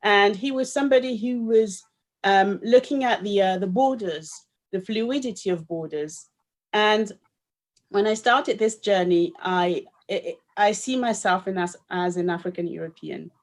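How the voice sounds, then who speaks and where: A raised woman historian speaks in a reflective conversational way, pausing often with fillers as she builds her ideas. Her voice sits at a middle pitch. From Cameroon, raised in Paris. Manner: thoughtful, searching for words with fillers. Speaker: historian and author. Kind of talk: conversational discussion.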